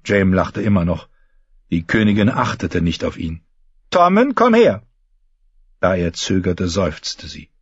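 A man narrating a novel as an audiobook reader, measured and lively. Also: low voice, husky, no room sound. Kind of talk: scripted narration. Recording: dull, dry, lo-fi.

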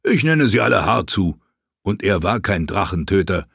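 A man voicing a big, gruff warrior. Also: sits low, sing-song, moderate pace, fairly bright tone, no echo, studio quality, heavily acted. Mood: gruff, mocking. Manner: gruff, crude, offhand. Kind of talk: audiobook character voice.

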